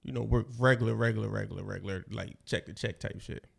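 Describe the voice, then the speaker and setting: Gravelly-voiced man in casual chat. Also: fairly low pitch, steady tone, fast talker. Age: 40s. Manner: loose, slangy, rambling with restarts. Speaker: podcast co-host.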